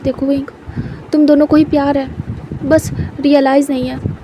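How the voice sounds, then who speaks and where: A woman voicing a soft-spoken young man who apologizes and consoles, sometimes stammering, in a story reading. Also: high voice, little pitch movement, normal speed, background noise, close to an everyday voice. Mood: gentle.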